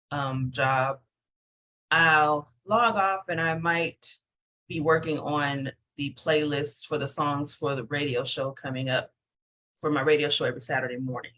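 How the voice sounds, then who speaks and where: A woman guest in a casual interview, upbeat and lively, laughing often as she talks about her busy days. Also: low voice, unhurried, low-quality recording.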